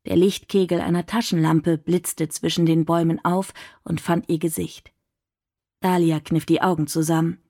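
A woman reading a story aloud in steady, measured scripted narration. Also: sits low. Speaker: audiobook narrator.

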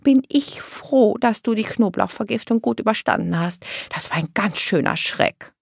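A woman's voice: medium pitch, expressive, normal speed, creaky, slightly rough, no room sound, clean studio sound, voice pushed up. Woman doing a cheerful grandmother.

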